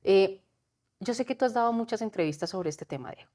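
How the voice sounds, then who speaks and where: Gentle woman hosting an interview. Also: medium pitch, lively intonation, brisk. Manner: gentle, coaxing, asks openly. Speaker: podcast host.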